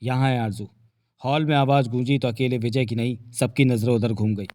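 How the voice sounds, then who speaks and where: A man's voice: mid-range voice, steady tone, a little fast, darkish tone. A man narrating a novel aloud with vivid, dramatic storytelling. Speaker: audiobook narrator.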